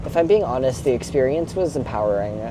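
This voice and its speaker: Behind the wheel of a moving box truck, a young man with a medium-pitched voice and lively intonation vlogs at a quick pace. He rambles informally, swears, says "like" constantly, and sounds confessional. The clear recording picks up the engine and road noise.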